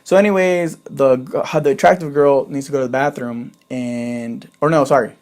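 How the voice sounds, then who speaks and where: A man's voice: medium pitch, fairly even intonation, moderate pace, a little mellow. A man in his twenties telling a personal story in a casual monologue, chatty, with lots of "like" and swearing. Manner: chatty, swears often, fills with "like".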